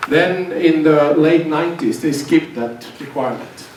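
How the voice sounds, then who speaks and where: Speaking a little high, a middle-aged Swedish-speaking lecturer from Finland visits a university seminar to talk to students. His delivery is full of hesitation, false starts, and repeated words. Echo from the hall, a far-off mic, and faint background noise color the audio.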